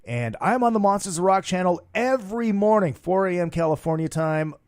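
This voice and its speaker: A man's voice: sits high, animated, fairly quick, darkish tone, no echo. A hungover man hosting a rock podcast in a studio, rambling through casual plugs in a brash, profane, slangy showman's way. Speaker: podcast host.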